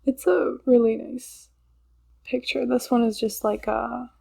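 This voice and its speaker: A woman's voice: on the high side, fairly even intonation, unhurried, creaky, dark tone, slightly rough. A woman giving a casual channeled tarot reading, chatty and rambling, laughing often and repeating herself. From Poland. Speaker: tarot reader.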